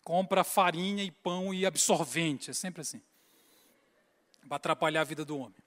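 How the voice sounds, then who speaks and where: In a large hall, a preacher with a slightly high voice delivers a humorous sermon at normal speed. He tells stories animatedly, acting out scenes and addressing the crowd as brothers.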